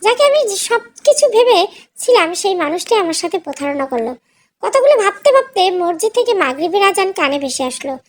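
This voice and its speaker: Speaking at a moderate pace in an extremely high voice with big swings in pitch, a woman narrates an emotional first-person story. Her delivery is scripted, dramatic and sorrowful.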